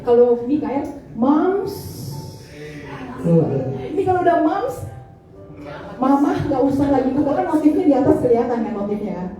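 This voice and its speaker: A woman's voice: high-pitched, animated, fast, hardly any pauses. Chatty woman preaching in an echoey hall. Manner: chatty, playful, teasing the congregation. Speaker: pastor. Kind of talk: sermon. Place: large church hall. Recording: echoey hall, distant mic, dull sound with music. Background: music.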